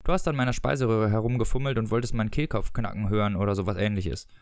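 A man voicing a frail, cool and scheming elderly husband with a dry, unhurried manner, in a German story reading. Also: on the low side, fairly even intonation, dry recording, close to an everyday voice. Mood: mocking.

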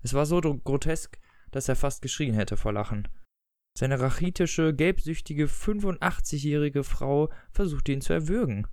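A man's voice: a little high, moderate pace, darkish tone, dry recording. Man, casual book review, chatty with restarts, reading aloud, dry recording.

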